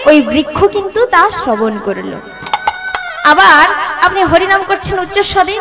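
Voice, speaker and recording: A woman with a Bengali accent giving a devotional sermon, coaxing her audience and leading call-and-response chanting. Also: extremely high pitch. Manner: coaxing the audience, rhythmic sing-song delivery. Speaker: kirtan singer and preacher. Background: live devotional music.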